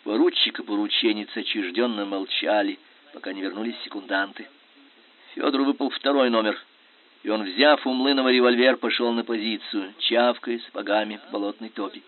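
A man reading a historical novel aloud in measured, dramatic narration. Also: on the low side, steady tone. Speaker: audiobook narrator. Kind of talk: scripted narration. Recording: tinny phone-like sound.

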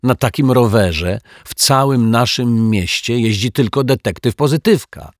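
A man's voice: medium pitch, a little slow, dry recording, clean studio sound, pitched above the performer's own voice, natural voice. A man voicing a gloomy, plain-spoken caretaker in a children's audiobook, with a muttering, weary manner. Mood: grumbling.

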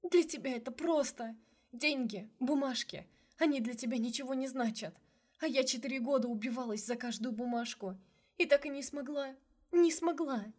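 A woman's voice: fairly high pitch, a little slow, slightly rough, voice pushed up. A woman voicing a distraught young woman who is crying, bitter and sarcastic through her sobs, in an audiobook. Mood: sobbing. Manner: sarcastic, then breaking into sobs. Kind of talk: audiobook character voice.

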